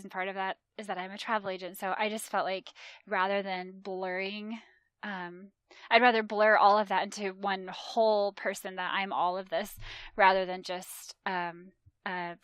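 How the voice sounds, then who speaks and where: Guesting on a podcast for a casual conversational interview, a woman in her thirties who works as a travel agent chats with animation and puts on voices for quoted remarks. Her mid-range voice has a clean tone, free of room sound.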